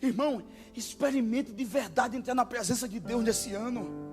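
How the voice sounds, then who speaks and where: A man with a Brazilian Portuguese accent preaching a sermon as pastor, impassioned and bursting into shouted exclamations. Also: very high voice, normal speed. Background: faint music.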